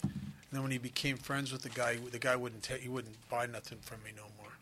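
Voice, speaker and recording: A middle-aged man speaks at a recovery meeting in an earnest, confessional manner, often stopping and restarting his sentences. His voice is bright and forceful, set at an ordinary male pitch. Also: flat delivery, brisk, slight background noise. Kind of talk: personal testimony to a meeting.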